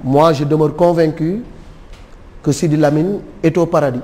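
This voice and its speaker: Middle-aged man, mellow tone, measured and solemn, TV studio with long reverb. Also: a little high, steady tone. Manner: measured and solemn, mixing French with Wolof. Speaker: studio guest. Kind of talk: formal tribute speech. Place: TV studio set.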